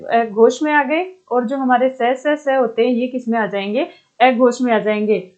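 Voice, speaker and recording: A young woman with a high, light voice teaches a grammar lesson. She goes step by step, repeating each point and asking the class questions she answers herself. The recording sounds dull and lo-fi. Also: darkish tone. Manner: explains patiently, repeats and asks questions back to students. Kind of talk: online Hindi grammar lesson.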